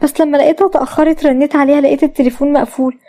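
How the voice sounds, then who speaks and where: Fretful flustered egyptian guy in a storybook tale, a woman doing him, high and quick. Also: steady tone, dark tone. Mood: worried. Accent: Egyptian Arabic. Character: worried anxious middle-aged man.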